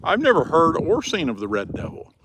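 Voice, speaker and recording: A man's voice: fairly high pitch, wildly swooping pitch, fairly quick, background noise. A man with a Southern US hillbilly accent chats casually and saltily on a fishing livestream, recorded outdoors on a boat. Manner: folksy, colloquial, salty-tongued.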